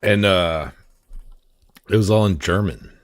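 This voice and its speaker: A man with a very deep voice talks slowly and loosely, trailing off and restarting his thoughts. The sound is close and dry, with faint music underneath. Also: no room sound. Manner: rambling, hesitant, drinking beer while talking. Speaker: host. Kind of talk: casual chat.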